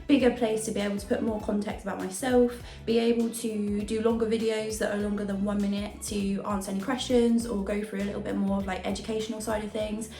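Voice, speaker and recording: A woman's voice: mid-range voice, darkish tone. Young woman with a sore tonsillitis throat. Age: young adult. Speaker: YouTube vlogger and fitness coach. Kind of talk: casual talk to camera, introduction and Q&A. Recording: roomy indoor echo.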